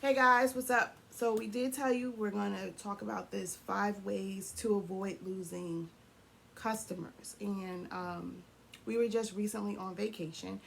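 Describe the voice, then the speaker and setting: Hoarse chatty woman co-hosting. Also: mid-range voice, fairly even intonation, a little slow, fairly bright tone, a little hiss or hum. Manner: chatty, laughs often, clears throat. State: hoarse, losing her voice. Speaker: co-host of a couple's channel. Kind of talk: casual chat.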